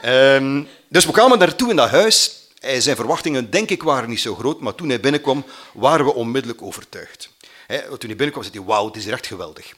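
A man recounts a story from his youth in a plain, mid-pitched voice. He pauses often on fillers, then speeds up as he reaches the tense parts. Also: animated, a bit bright. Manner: halting, with many fillers, acts out quotes. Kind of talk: personal storytelling.

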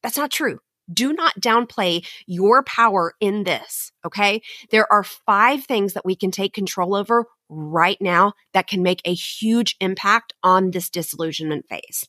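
A woman's voice: mid-range voice, a little slow, bright, forceful tone, no echo, studio quality. A woman hosting a motivational solo talk for teachers, speaking in an earnest, direct and encouraging way. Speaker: podcast host and teacher coach.

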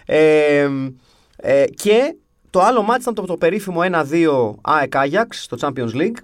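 A man's voice: a little high, lively intonation, no room sound, studio quality. A man chatting casually as a podcast co-host, telling stories with wry, grumbling humor. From half English. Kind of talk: casual chat.

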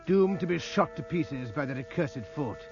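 A grave naval officer narrating a drama in measured, literary phrases. The voice is fairly high and creaky, slightly dull, with soft music behind. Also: male voice, expressive. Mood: grave, foreboding. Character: grave male naval officer recounting his sea battle. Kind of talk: dramatic scripted first-person narration.

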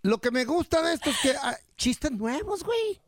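A man's voice: very high-pitched, big pitch swings, normal speed, no room sound, studio quality. A man co-hosting a comedy podcast, joking and teasing in casual banter. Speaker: podcast co-host.

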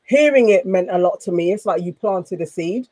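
A woman's voice: on the low side, normal speed, a little mellow, no room sound. Woman hosting, close dry sound. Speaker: panel show host. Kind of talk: casual chat and reading out viewer comments.

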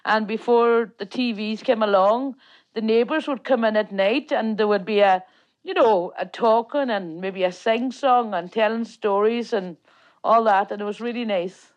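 An older woman from Tory Island, Ireland, whose first language is Irish and who has a Donegal accent, recalls her childhood as an interviewee in an oral history. She tells her stories plainly in long chains of "and", her voice fairly high at a moderate pace, with dull audio.

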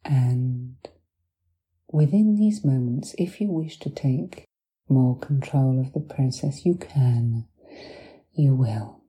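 A woman with a low, very dark and mellow voice leads a guided hypnosis meditation. She speaks extremely slowly in short, soothing phrases with long pauses, softly breathy and often sinking into a whisper. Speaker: hypnotherapist guiding relaxation.

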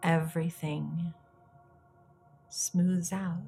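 A woman with a low voice leads a guided meditation over music. Her delivery is soft, breathy and soothing, moving very slowly and leaving long pauses between phrases. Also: steady tone. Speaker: guided meditation podcast host.

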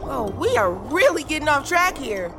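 A woman's voice: sits high, sing-song, moderate pace, over music. A woman playing a plucky, easily flustered child adventurer in a children's audio adventure, speaking in an earnest, exclamatory way. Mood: puzzled.

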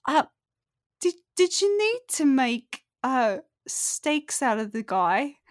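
Tiny female fantasy companion, played by a woman; small high voice, halting and timid, tabletop game. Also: sing-song, no echo, studio quality, heavily acted. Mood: hesitant, queasy. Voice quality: small, little voice. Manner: hesitant, halting.

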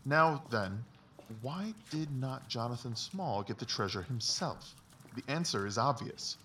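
Set back from the microphone with faint noise around him, a man plays a self-assured Victorian detective in audiobook dialogue, explaining his deductions briskly, like a precise, emphatic lecture. He speaks unhurriedly in a bright, animated, forceful mid-range voice.

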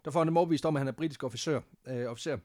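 A man's voice: fairly high pitch, a little mellow, no room sound, clean studio sound. A man casually telling a history story on a podcast, laughing often and swearing freely, with English phrases mixed in.

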